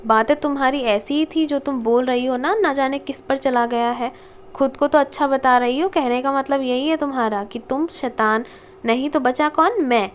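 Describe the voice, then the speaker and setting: A woman's voice: high voice, moderate pace, slight background noise, natural voice. A woman reading the lines of a stubborn young husband and father who bickers sarcastically with his wife, in an audiobook. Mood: teasing.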